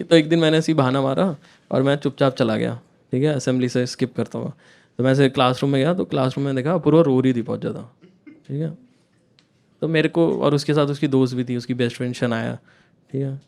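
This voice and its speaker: A man's voice: medium pitch, brisk, creaky. A young man from India telling a story as a stand-up comedian, chatting with the crowd and acting out scenes as he goes. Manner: chatty, keeps checking in with the crowd, acts out scenes. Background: audience laughter.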